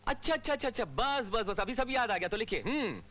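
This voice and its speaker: An actor dubbing a cocky young police officer who talks in a wry, theatrical way. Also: male voice, sits high, very animated, fast talker, fairly bright tone, slight background noise. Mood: playful. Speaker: hero in a dubbed film. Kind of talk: Hindi film dubbing.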